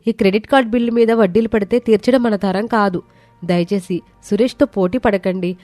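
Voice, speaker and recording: A woman voicing a sensible young wife who pleads with her husband, for an animated story. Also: mid-range voice, brisk, no echo, soft background music, lightly acted. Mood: pleading. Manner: pleading, cautious.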